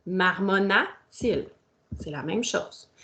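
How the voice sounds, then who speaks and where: A woman teaches a recorded grammar lesson for children. She talks straight to the pupil in a patient, step-by-step way. Her pitch sits in a middle range. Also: expressive, moderate pace, dull audio. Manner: patient, explaining step by step, speaking directly to the pupil.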